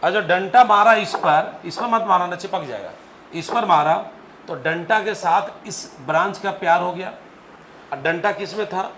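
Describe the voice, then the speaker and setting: A man teaching physics in a lively classroom lecture, calling on students to answer aloud and acting out stories. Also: sits high, a little slow. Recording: echoey classroom with faint noise.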